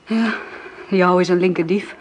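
In a radio play, an actress voices Sylvie, a nervous young mother who is evasive and jumpy, stammering and hurrying to dodge questions. Her voice is on the low side, with fairly even intonation, normal speed, and a darkish tone, close to an everyday voice.

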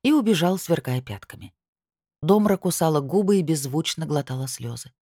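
A woman's voice: low-pitched, lively intonation, moderate pace, warm tone, no room sound, studio quality. A woman narrating an audiobook in the first person, telling the story expressively.

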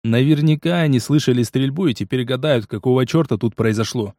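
A man's voice: mid-range voice, fairly quick, dark tone, dry recording, clean studio sound, lightly acted. A man reading the lines of a curt, irritable male mercenary hero in an audiobook. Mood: terse.

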